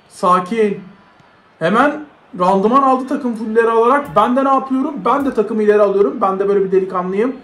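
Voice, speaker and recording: A young man giving live commentary on his mobile football match, excitable and chatting to viewers. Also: very high voice, echoey room. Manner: excitable, shouts at big plays, chats to viewers.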